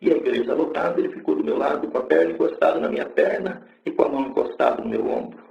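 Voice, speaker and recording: Man, fervent church testimony; gravelly, fairly high voice; echoey, dull, lo-fi church recording. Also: very animated, fast talker. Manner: fervent storytelling, rising to exclaimed praise. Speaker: church member giving testimony. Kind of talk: religious testimony to a congregation.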